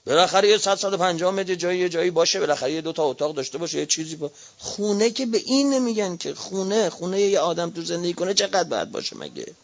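A man with a Persian accent from Qom, a cleric preaching a fiery sermon, swinging from quiet reasoning to shouted rhetorical appeals. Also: sits high, expressive, creaky. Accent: Iranian Persian, Qom. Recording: dull lo-fi recording.

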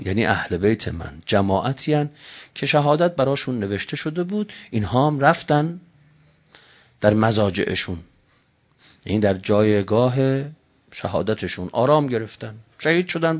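A man preaching a sermon with passion, dropping low and quiet, then rising to loud shouts, and reciting classical Arabic slowly and solemnly. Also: very animated. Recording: dull lo-fi recording.

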